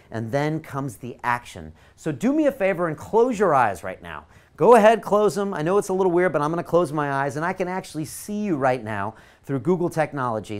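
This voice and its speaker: This slightly high-voiced man from California runs an online masterclass, coaxing listeners eagerly through a motivational guided visualization.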